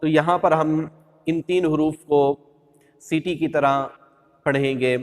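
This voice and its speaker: Male Quran teacher, Pakistani Urdu accent, patient and repetitive, high voice in a reverberant room. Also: fairly even intonation. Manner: patient, repeats rules, draws out letter sounds. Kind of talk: step-by-step recitation lesson.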